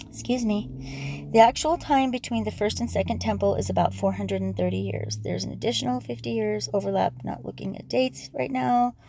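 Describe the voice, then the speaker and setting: A woman losing her voice, reading history aloud at a casual pace, with asides and throat clearing. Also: mid-range voice, a little fast, hardly any pauses, mellow, a little hiss or hum. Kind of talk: casual read-aloud for sleep.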